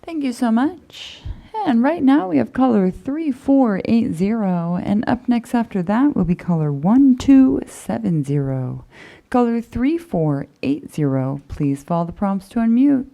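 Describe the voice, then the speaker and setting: A woman moderator calling the next callers in a brisk, routine way. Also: a little high, sing-song, gravelly, highs cut off. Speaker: meeting moderator. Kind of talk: reading call-in queue.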